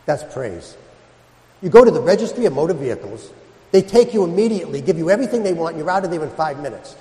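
A man's voice: a little high, very animated, fast, warm tone. A man, a priest, reading the Gospel and preaching a homily in a conversational way with everyday examples, his voice ringing with cathedral echo in a large church. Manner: conversational, uses everyday examples and acted-out asides. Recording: echoey church with long hall reverb.

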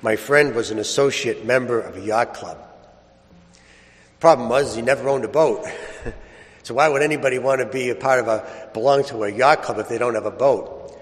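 A male preacher speaks at a middling pitch in a big, echoing church. Long cathedral-style reverb trails his words as he addresses a congregation in the manner of a clergyman. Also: normal speed. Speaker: priest or deacon preaching. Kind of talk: solemn scripture reading and conversational sermon.

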